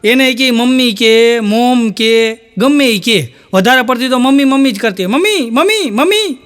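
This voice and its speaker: High-voiced comedian. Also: male voice, fairly even intonation, moderate pace, a bit bright, clean tone. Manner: rambling joke-telling, repeating "he said" tags, acting out quoted voices. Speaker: stand-up comedian. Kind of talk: Gujarati folk comedy storytelling.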